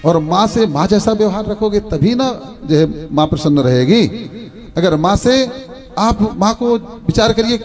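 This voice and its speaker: A man's voice: high-pitched, darkish tone. A male spiritual teacher giving a storytelling sermon, preaching in a sing-song way and putting rhetorical questions to his listeners.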